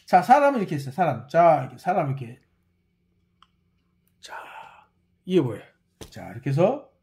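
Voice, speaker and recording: A university professor delivers a recorded lecture with a lively, swooping voice. The talk keeps returning to key words and prodding listeners with short questions and a checking "yes?". It is the manner of someone explaining while writing and sketching on screen. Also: medium pitch, moderate pace.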